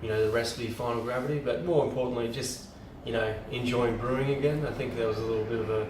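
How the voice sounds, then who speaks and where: Here the home brewer speaks fast in a mid-range, darkish voice with fairly even intonation, meandering through his how-to with plenty of ums and restarts. The distant camera mic sounds roomy and carries a slight hiss or hum.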